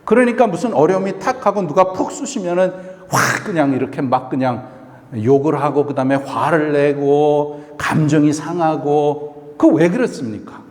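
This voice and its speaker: Male pastor preaching, a fairly high voice and long hall reverb; he asks rhetorical questions and slips into English. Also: moderate pace. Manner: switches between Korean and English phrases; acts out prayers in a soft voice. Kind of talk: sermon. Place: church sanctuary.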